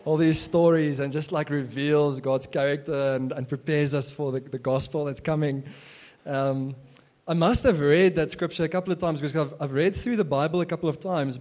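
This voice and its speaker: A young adult man, a pastor whose first language is Afrikaans, preaches a casual sermon full of fillers and restarts. His voice is on the high side and a little mellow.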